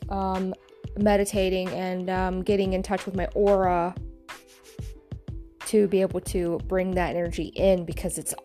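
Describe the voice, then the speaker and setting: A woman hosting a solo podcast, talking frankly with many pauses and ums, often swearing. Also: fairly low pitch, level tone, dark tone, faint music behind. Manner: hesitant and halting. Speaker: podcast host. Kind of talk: casual solo podcast monologue.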